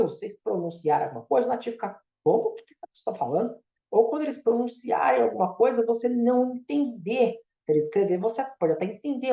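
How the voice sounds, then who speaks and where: A man's voice: high voice, vocal fry, mellow. A man from Brazil with a Brazilian Portuguese accent, teaching a casual English lesson and repeating words for drills. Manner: keeps checking in with "tá?" and drills pronunciations by repeating them. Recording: roomy, slightly dull sound.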